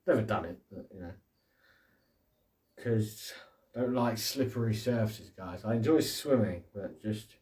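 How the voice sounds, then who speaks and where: A man's voice: lowish voice, darkish tone, recorded from a distance. Rambling jokey man, roomy echo. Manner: rambling and jokey, laughs often, acts out little quotes. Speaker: podcast host. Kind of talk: casual solo chat.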